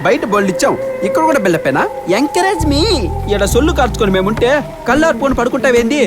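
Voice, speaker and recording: A man's voice: very high-pitched, big pitch swings, quick pace, heavy background noise. An actor playing a boastful, cowardly young man who tells a comic ghost story in bumbling banter. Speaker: comic sidekick. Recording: film soundtrack with loud music.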